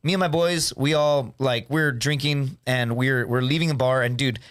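A man in his thirties, a comedian guest on a podcast, telling stories in casual chat, animated and swearing, saying dude a lot. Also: medium pitch, moderate pace, no room sound, clean studio sound. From United States.

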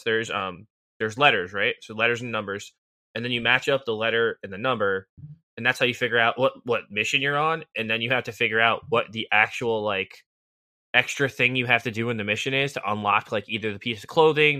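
A man's voice: mid-range voice, pushed and bright, no room sound, clean studio sound. A man co-hosting a casual gaming podcast, rambling and filling his talk with "like". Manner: rambling, heavy on "like". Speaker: podcast co-host.

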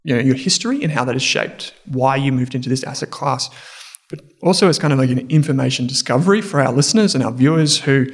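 A man's voice: mid-range voice, fast, breathy edge. A man hosting an investing podcast interview, talking in a casual, chatty way with restarts. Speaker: podcast host.

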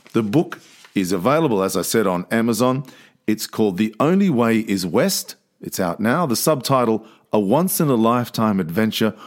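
A man hosting a podcast, interviewing a guest and closing the episode with enthusiastic thanks and plugs. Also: on the low side. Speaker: podcast host.

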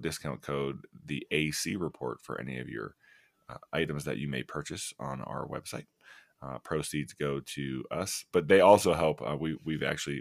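A man's voice: extremely low pitch, gravelly, no echo, studio quality. A man co-hosting a podcast, chatting casually and rambling, often restarting sentences and laughing at himself. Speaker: podcast co-host.

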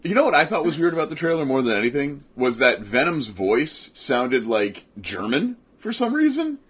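A man's voice: medium pitch, lively intonation, normal speed, a bit bright, husky. Jokey rambling male podcast host. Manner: jokey, rambling, self-mocking. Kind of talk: casual comedic chat.

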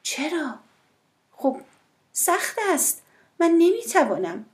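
A woman narrator voicing Death as a calm, mysterious woman, cool and softly teasing in an audiobook. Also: high voice, voice pushed up. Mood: reluctant. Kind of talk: audiobook character voice.

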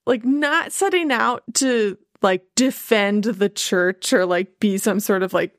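A woman's voice: medium pitch, slow pace, dry recording. Midwest lady podcast host, chatty, says like a lot, dry close sound. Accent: Midwestern American. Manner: chatty, frequent "like" fillers, laughs often. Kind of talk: casual chat.

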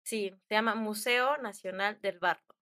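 At a measured pace and in a mid-range voice, a young adult woman with a Mexican accent shares stories in casual chat. Her retelling is informal, slangy and animated, full of quoted dialogue she acts out.

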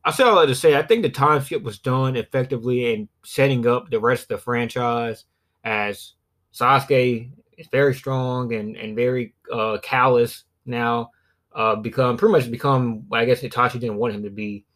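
A man's voice: mid-range voice, moderate pace, fairly bright tone. Southern-accented Alabama man podcasting casually. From southern Alabama, United States. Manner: rambling, profane, conversational. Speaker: podcast host. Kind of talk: casual solo podcast commentary.

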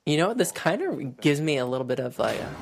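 A podcast co-host chatting excitedly about horror trailers, rambling with lots of fillers. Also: mid-range voice, quick pace, vocal fry, a little hiss or hum. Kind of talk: casual chat reacting to horror trailers.

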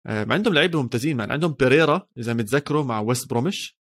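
A male co-host on a sports podcast banters casually and talks very fast, with a Levantine Arabic accent. His pitch sits in the middle and his delivery is animated.

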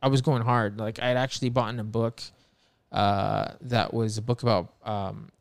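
A man's voice: fairly low pitch, fairly even intonation, normal speed, gravelly, smooth, no room sound. A man telling a story as a podcast guest, rambling and full of filler words, swearing a lot, earnest and emphatic. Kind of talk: casual chat.

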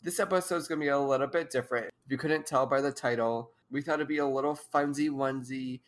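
Speaking quickly in an extremely low voice, this young woman in her twenties keeps the podcast chat casual, giggling frequently and rambling. Allergies have left her stuffed up and congested.

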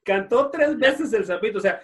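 High-voiced Guatemalan man telling a story. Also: expressive, normal speed. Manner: rambling storyteller, crude slang, mimics voices. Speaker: podcast co-host. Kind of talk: casual chat.

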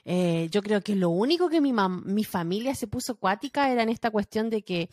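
A middle-aged Chilean woman chatting casually as a podcast co-host, animated and quick to laugh. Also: mid-range voice, no room sound. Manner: animated, laughs and acts out voices. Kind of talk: casual chat.

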